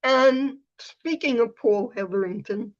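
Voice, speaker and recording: A woman poet reading her work slowly and chatting on a livestream, laughing between poems. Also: a little high. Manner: slow, deliberate poem reading with laughter between. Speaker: poet and reading series host. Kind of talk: livestream poetry reading and chat. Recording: dull lo-fi livestream audio.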